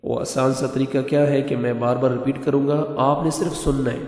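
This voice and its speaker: Male teacher, mid-pitched. Fast plain talk, long slow chanted lines, echoey room. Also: steady tone, darkish tone. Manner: quick explanations between slow chanted recitations. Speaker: religious teacher. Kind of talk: prayer recitation lesson.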